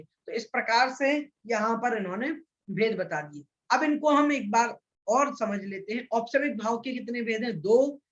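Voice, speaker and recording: A man teaching a scripture lesson, asking questions and answering them himself, and chanting verses slowly. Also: extremely high pitch, fairly bright tone, dull audio. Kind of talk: explanatory lesson.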